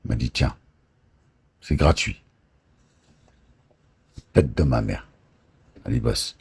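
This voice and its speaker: A man telling boastful, crude stories in rough street slang, close to the mic indoors. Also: a bass voice, takes it slowly, darkish tone. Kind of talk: casual storytelling on a live stream.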